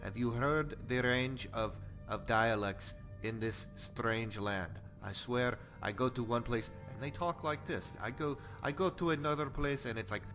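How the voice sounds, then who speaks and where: An actor playing a blunt, bloodthirsty male Nord warrior exile in a game, talking about violence in a deadpan, matter-of-fact way. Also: mid-range voice, unhurried, few pauses, soft background music, close to an everyday voice. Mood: wry, boastful. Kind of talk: game character monologue.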